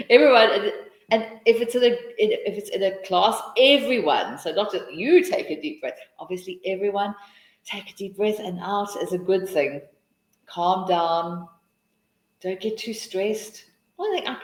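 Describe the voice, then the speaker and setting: A South African woman with a mid-range voice hosts a live teaching webinar in a reverberant space. She answers questions chattily and encouragingly, often restarting her sentences.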